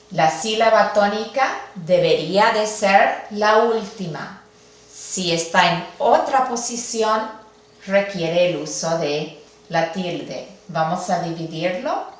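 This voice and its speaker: A woman teaching a Spanish grammar lesson, speaking slowly and deliberately and drawing out the syllables of each word. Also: medium pitch. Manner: slow, deliberate, spelling out syllables. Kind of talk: recorded classroom lesson. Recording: very echoey room.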